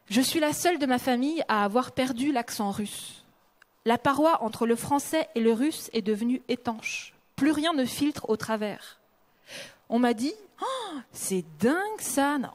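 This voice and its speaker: A woman novelist reading a passage of her own book aloud in a lively, expressive way. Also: fairly high pitch.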